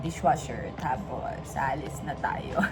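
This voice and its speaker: A woman's voice: very deep voice, takes it slowly, over loud music. A Filipina mother from the Philippines chatting casually in a home vlog, talkative and self-mocking with playful asides. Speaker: vlogger mom. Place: home kitchen.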